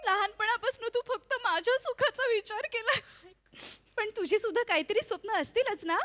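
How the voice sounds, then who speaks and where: A woman's voice: very high voice, moderate pace, a bit bright. A woman playing an emotional young bride-to-be in a stage comedy sketch, pleading tearfully with her older sister. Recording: stage sketch with background music.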